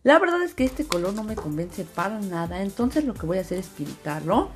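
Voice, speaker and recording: A woman of average pitch narrates a hands-on craft tutorial step by step. She talks casually and doubles up words for emphasis. Soft music runs behind her voice. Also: very animated, brisk. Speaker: host of a slime craft channel. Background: background music.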